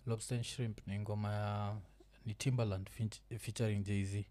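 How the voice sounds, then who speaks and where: A man's voice: fairly low pitch, flat delivery, moderate pace, dark tone. A man with a Kenyan accent in casual conversation, slangy and switching languages mid-sentence.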